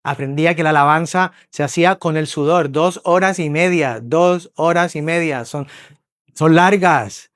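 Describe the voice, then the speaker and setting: A man from Spain preaching a sermon, telling lively stories, acting out voices and often checking in with his listeners. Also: fairly high pitch, normal speed, smooth, dry recording, studio quality. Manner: animated storyteller, acts out voices, checks in with listeners. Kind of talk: sermon with storytelling. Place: church hall.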